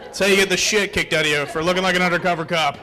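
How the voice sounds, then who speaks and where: A man's voice: high-pitched, steady tone, racing, a crowd in the background, noisy background. A young man doing a rambling, profane, self-deprecating stand-up set on a comedy club stage.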